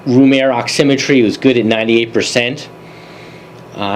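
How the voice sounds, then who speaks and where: A man presenting a continuing education review of emergency calls, relaxed and conversational with dry asides. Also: lowish voice, slight background noise, rough recording. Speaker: EMS medical advisory presenter. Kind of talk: case review lecture.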